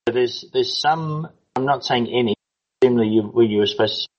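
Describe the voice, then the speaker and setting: A man talking in halting bursts with frequent restarts over a call whose audio keeps breaking up. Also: medium pitch, muffled recording, a little hiss or hum. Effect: choppy call audio breaking up. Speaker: co-host on a call. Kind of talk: casual conversation over an online call.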